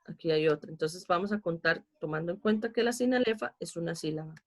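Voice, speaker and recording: A woman's voice: fairly low pitch, fast talker. A Costa Rican woman teaching an online class, patiently explaining poetry meter step by step and counting syllables aloud. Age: adult with a child.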